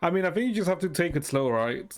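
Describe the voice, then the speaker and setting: This game streamer speaks fast with a fairly high voice and lively intonation. He chats casually with his viewers, hesitantly thinking out loud and cursing mildly, while music plays in the background.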